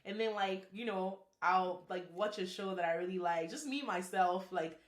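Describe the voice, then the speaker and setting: A woman's voice: mid-range voice, moderate pace, reverberant. A young woman from Nigeria with a Nigerian accent, chatting playfully as a podcast guest and laughing often. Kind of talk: casual chat.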